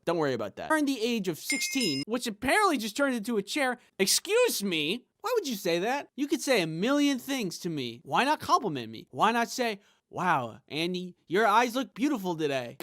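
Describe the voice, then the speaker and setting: A man's voice: sits high, huge pitch swings, normal speed, fairly bright tone. A man doing comedic vlog talk to camera, jokey and self-mocking. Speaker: YouTuber.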